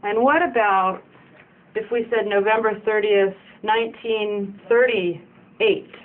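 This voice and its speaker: A woman researcher who asks patient, clear interview questions and explains her methods. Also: medium pitch, slow. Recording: tinny phone-like lo-fi sound.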